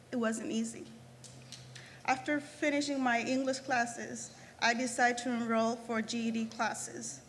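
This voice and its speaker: Earnest Salvadoran woman in a reverberant hall. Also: a little high. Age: 30s. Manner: earnest, halting with restarts. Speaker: graduating student speaker. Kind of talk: prepared ceremony speech. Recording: reverberant hall, faint noise.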